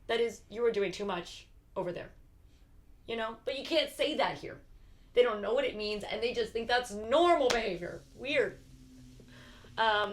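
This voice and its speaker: A young woman from Philadelphia chats as a podcast guest. She rambles animatedly, full of fillers and restarts, in a medium-pitched voice. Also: a bit bright. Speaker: podcast guest, actor and writer. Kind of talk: casual conversation.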